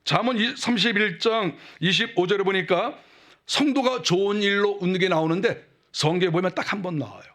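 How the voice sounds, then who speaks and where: A male pastor with a high, light voice gives a sermon in a casual, talky manner. He often drops his voice low and soft to mimic people scoffing. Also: a little fast. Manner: conversational, acts out mocking quotes in a lower voice.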